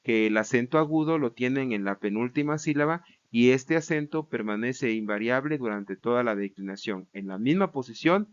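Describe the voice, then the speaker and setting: A man lectures on grammar at a steady middle pitch, pausing to repeat terms and to check that his students follow. His explanations are patient and methodical. The recording sounds slightly dull, like lo-fi lecture audio. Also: clear, resonant tone. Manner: repeats words and restarts while explaining. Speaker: Greek grammar teacher.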